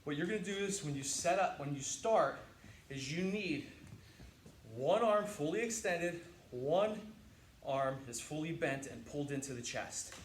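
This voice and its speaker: A man's voice: a little high, lively intonation, measured pace, slight background noise. A man coaching a home workout, joking around and grunting through the reps as he demonstrates each exercise. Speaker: fitness trainer. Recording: echoey room, mic at a distance.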